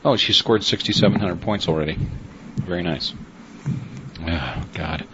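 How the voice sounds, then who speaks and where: A man's voice: low voice, moderate pace. A tired man co-hosting a podcast, rambling casually with lots of fillers and laughs. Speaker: podcast co-host. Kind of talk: casual chat. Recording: dull lo-fi sound with noise.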